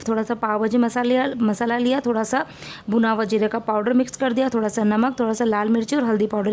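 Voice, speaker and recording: Woman in her 30s, home vlogger, mellow, slightly high, talkative. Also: slight background noise. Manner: chatty, rambling, homely cooking talk. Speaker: family vlogger. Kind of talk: casual vlog narration.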